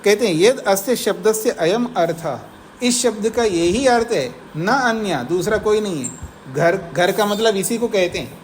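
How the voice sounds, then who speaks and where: Male teacher going through an old text with his class, reads the sanskrit slow then explains, asks if everyone gets it, faint room noise. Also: high voice, animated, rough recording. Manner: slows to read the Sanskrit text aloud. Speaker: teacher of philosophy. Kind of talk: classroom lecture on scripture. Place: ashram classroom.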